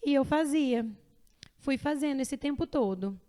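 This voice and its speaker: A woman's voice: sits high, animated, unhurried, mellow. A woman guest on a podcast, telling her own childbirth story in an earnest, emotional way, full of fillers. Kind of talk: casual personal storytelling.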